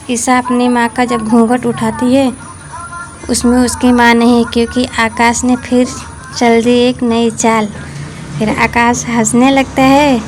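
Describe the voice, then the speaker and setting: A woman slowly retelling a TV serial's plot in a casual, halting way, with many pauses. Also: on the high side, slight background noise. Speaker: TV serial recap narrator. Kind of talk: casual spoken story recap.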